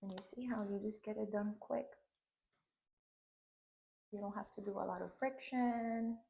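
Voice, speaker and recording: In this hairstyling demonstration, a thirtysomething Puerto Rican woman gives instructions in Puerto Rican-accented Spanish, frequently tossing in "okay?". Her pitch is medium and her tone steady, and she speaks a little slowly with a creaky, mellow quality.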